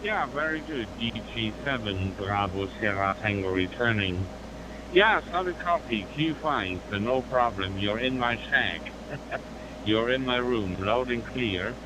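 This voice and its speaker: A man's voice: medium pitch, animated, measured pace. A man from northwest Germany with a German accent making amateur radio contact, hesitantly phrasing and spelling out call signs over a two-way radio. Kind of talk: ham radio contact chat. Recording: noisy digital handheld radio transmission.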